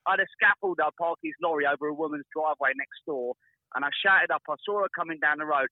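A man, a builder calling in to a radio show, telling awkward stories with animated, acted-out quotes. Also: a little high, fast, no room sound. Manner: animated storyteller, acts out quotes, stumbles on words. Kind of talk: casual anecdote telling. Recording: tinny phone line.

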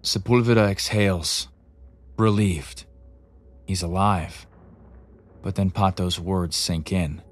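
A man giving scripted, dramatic narration of a true story in a measured, tense storytelling manner. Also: low-pitched, steady tone. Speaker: podcast narrator.

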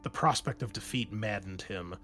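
A man acting as game master, describing the scene and reading battle narration aloud at a measured, steady pace. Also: lowish voice. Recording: music playing underneath.

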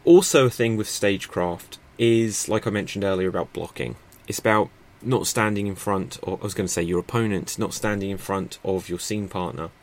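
A man's voice: low-pitched, a little fast, few pauses. A man hosting a podcast, explaining improv stagecraft in a chatty, off-the-cuff way. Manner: chatty, thinks aloud with fillers and restarts. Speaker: podcast host teaching improv. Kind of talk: unscripted instructional talk. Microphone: podcast microphone.

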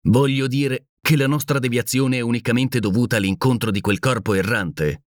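A man voicing a grave, methodical male leader in an audiobook, speaking in a slow, serious, convinced way. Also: mid-range voice, lively intonation, no echo, clean studio sound, lightly acted.

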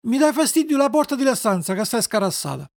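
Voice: medium pitch, very animated, fast, creaky, no room sound, studio quality, pitched above the performer's own voice. A reader voicing a stubborn, whining wooden puppet boy in a dialect, from sulky protests to wailing pleas. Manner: wailing, pleading, petulant.

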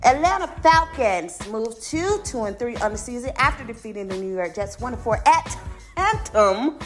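A woman's voice: fairly high pitch, animated, normal speed, a bit bright, faint music behind. A woman presenting a bubbly, playful sports news roundup and cheering on the home teams.

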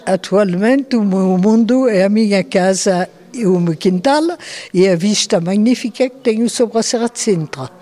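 Elderly woman, nineties, mellow voice, reflective. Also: mid-range voice. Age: 90s. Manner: slow, thoughtful, with hesitations and restarts. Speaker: interviewee. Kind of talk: reflective interview answers.

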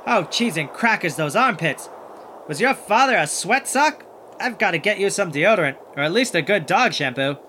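A man's voice: sits high, normal speed, slight background noise. A man playing a plucky, kindhearted, wisecracking monster hunter who narrates and acts in a children's audio adventure with folksy exclamations. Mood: exasperated, teasing. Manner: folksy exclamations, animated chatter to sidekick.

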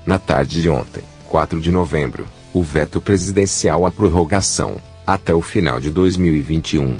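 A man's voice: sits low, darkish tone. A synthesized text-to-speech male voice with a Brazilian accent, reading scripted news as a podcast presenter.

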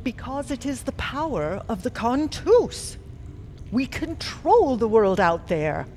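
Lady doing an evil mystic villainess, slow n theatrical, highish voice, taunting, audio drama. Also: very animated, a little mellow, slight background noise. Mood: taunting, threatening. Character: imperious, menacing mystic villainess who savors threats. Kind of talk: dramatic audio fiction acting.

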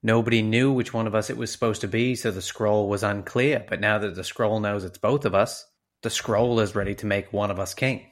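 A man voicing a coolly ruthless male hybrid rival for a crown, in an Irish accent, calm and matter-of-fact. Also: lowish voice, fairly quick, lightly acted. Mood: explaining. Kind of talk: tabletop game character voice.

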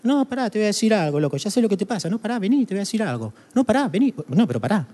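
A man's voice: sits high, sing-song, racing, noisy background, pitched above the performer's own voice. A man voicing a rambling male psychologist with an Argentine accent, lecturing in circles and cutting in with pushy interruptions. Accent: Argentine Spanish.

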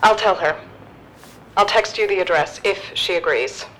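A woman's voice: lowish voice, moderate pace, fairly bright tone, a little hiss or hum, rough recording. A woman playing a guarded, terse woman heard through a phone's speakerphone, giving cold, clipped orders.

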